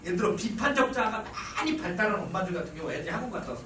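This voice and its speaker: A man giving a psychology lecture on parenting to a live audience, talking in an animated way. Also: high voice, rapid-fire, distant mic, a little hiss or hum. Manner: animated, acts out mothers' lines with sudden shouts. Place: lecture hall. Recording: roomy hall sound from off-mic. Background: audience laughter.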